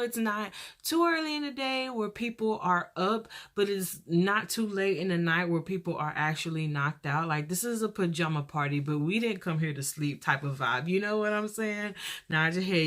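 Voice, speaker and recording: A young woman hosts her own podcast in a soft voice on the low side, chatting casually yet earnestly as she rambles and pauses along the way.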